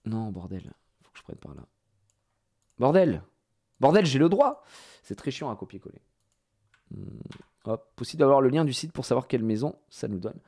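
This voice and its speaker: A man streaming live, chatting casually with his viewers, swinging from loud exclamations to mumbled asides and swearing now and then. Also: mid-range voice, very animated, normal speed, vocal fry, long pauses, breathy edge. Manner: swears casually while fiddling with the computer.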